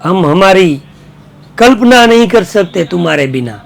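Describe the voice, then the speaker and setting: A man's voice: sits high, animated, normal speed, creaky. A man voicing a humble machine that pleads it is nothing without the people who built it. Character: humble machine surrendering to its human maker.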